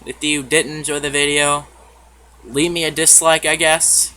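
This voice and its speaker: Bright-voiced man telling a profane story. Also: fairly high pitch, flat delivery, a little slow, slight background noise. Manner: offhand and profane, clears his throat often. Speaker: YouTuber. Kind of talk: casual storytelling vlog.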